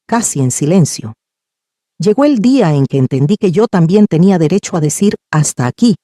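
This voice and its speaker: Calm, measured male storyteller. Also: on the high side, no room sound, studio quality. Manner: calm, measured, reflective, short phrases with pauses. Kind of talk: scripted first-person story narration.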